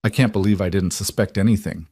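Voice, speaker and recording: A man's voice: deep voice, fairly even intonation, fast, slightly rough, dry recording, studio quality. A man voicing a woman overwhelmed with happy tears, speaking earnestly in a storybook reading. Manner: softly tearful, earnest. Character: emotional woman, newly engaged fiancée.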